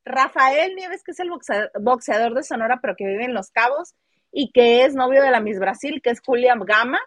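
A woman with a Mexican accent dishes gossip in a loose, animated chat, slipping into other people's voices as she retells scenes. Her voice sits a bit high. The sound is close and dry, with no room around it. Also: normal speed, no echo. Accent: Mexican Spanish. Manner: animated, mimics people in quotes. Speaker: host.

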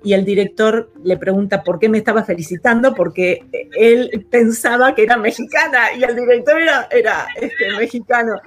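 A woman from Argentina, an actress, chatting as an interview guest in a thoughtful way, often pausing with fillers. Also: fairly high pitch. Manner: thoughtful, many hesitations and fillers. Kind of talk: casual interview chat.

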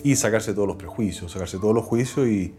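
Earnest low-voiced Chilean man. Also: a little fast, soft background music. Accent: Chilean Spanish. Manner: earnest, animated, voices other people when retelling. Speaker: interview guest, actor and TV presenter. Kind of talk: reflective conversational storytelling.

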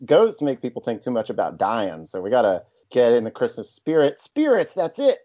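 A man's voice: medium pitch, sing-song, moderate pace, mellow, highs cut off. A man co-hosting a podcast, joking in casual chat with rambling asides. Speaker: podcast co-host.

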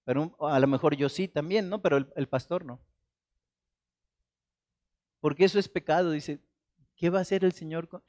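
A man from Mexico with a high-pitched voice preaches a Sunday sermon. He swings between raised, forceful emphasis and quiet, hushed quotations of scripture. The delivery is dramatic and personal. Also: moderate pace, long pauses. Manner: dramatic, shifts between loud emphasis and soft quoted asides. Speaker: pastor. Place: church.

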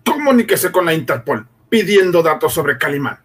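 A male actor playing an authoritative army general with a husky, commanding delivery in an old radio drama. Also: on the high side, sing-song, normal speed.

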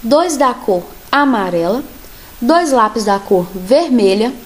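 Slow, patient woman teaching music. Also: a little high, animated. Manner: slow, patient, clearly spelled-out instructions. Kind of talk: children's music lesson instructions.

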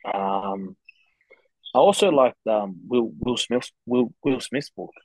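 A man's voice: mid-range voice, slow, a little mellow, no room sound, poor audio. A man chatting casually as a rugby player guest, laid-back and matey with slangy talk. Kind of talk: casual interview chat.

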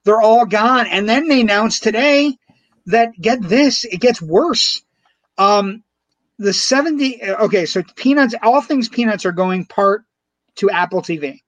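A middle-aged man hosting a talk show, telling stories in an animated, emphatic way. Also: high voice, unhurried, no room sound, muffled recording. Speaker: radio show host. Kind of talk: casual talk show banter.

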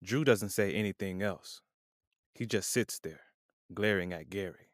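Male narrator, plain even scripted delivery, lowish voice. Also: unhurried, no room sound, studio quality. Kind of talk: scripted audio drama narration.

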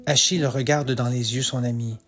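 A man narrating a rhymed epic tale in a slow, measured, rhythmic way. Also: mid-range voice, fairly even intonation. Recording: soft music underneath.

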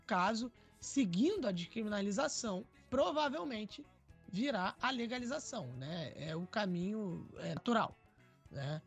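A man's voice: high voice, lively intonation, moderate pace, creaky, slightly rough, faint music behind. A Brazilian man co-hosting a podcast, discussing news casually and hesitantly, with many fillers. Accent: Brazilian Portuguese. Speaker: podcast co-host.

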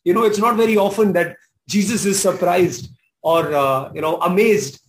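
A pastor delivers a sermon in a high voice. He stresses and repeats his main points and breaks into exclamations. A faint hiss sits under the recording. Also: moderate pace, poor audio. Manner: emphatic, repeats key phrases, exclaims.

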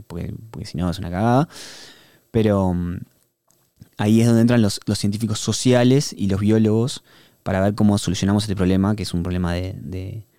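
A man's voice: fairly low pitch, dark tone, no room sound, studio quality. A young man with a Uruguayan Spanish accent, a podcast host casually rambling about recent episodes and retelling his conversations with guests. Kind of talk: casual behind-the-scenes monologue.

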